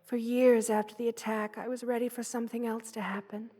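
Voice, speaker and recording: The woman voices the gentle spider queen with a high-leaning, flat delivery at a brisk pace and only light acting, her mood earnest and reassuring. It's a soft, hushed ASMR roleplay, tender, wistful, and motherly, often slipping into a whisper.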